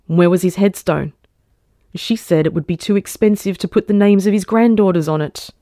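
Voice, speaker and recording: Woman narrator for a literary audio short story; steady, sorrowful reading, recorded dry and close. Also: fairly low pitch, normal speed, dry recording. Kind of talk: scripted first-person narration.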